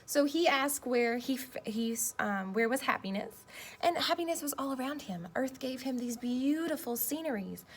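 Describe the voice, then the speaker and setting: A teacher's voice: a woman reads a children's storybook aloud and talks to the kids during the lesson. She has a high, animated voice and speaks at normal speed, with clear background noise.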